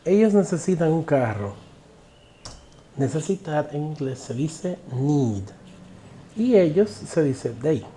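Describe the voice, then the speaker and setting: A man teaching an English grammar class in a recorded online lesson. He asks the viewer questions and then says each English example sentence slowly and carefully. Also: a little high, sing-song, dark tone, a little hiss or hum.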